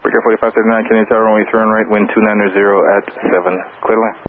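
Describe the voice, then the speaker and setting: A man's voice: on the low side, little pitch movement, very fast. A man working as a tower controller, giving clipped, procedural instructions over aviation radio. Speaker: airport tower air traffic controller. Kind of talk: rapid clipped radio phraseology, issuing instructions. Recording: narrow, staticky air traffic radio transmission.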